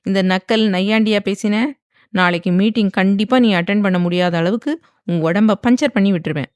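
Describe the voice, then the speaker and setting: A woman's voice: mid-range voice, brisk, clear, resonant tone, dry recording, natural voice. Woman reading bossy teasing husband, mock-threatening, dry close voice. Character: domineering, teasing young husband. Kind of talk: dramatized audiobook reading.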